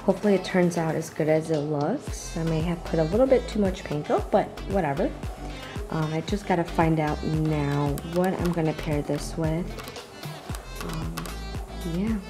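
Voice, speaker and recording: A young woman chatting casually while filming a home vlog about her day with her baby and dogs, sometimes whispering so her sleeping baby stays asleep. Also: on the low side. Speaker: vlogger and mother.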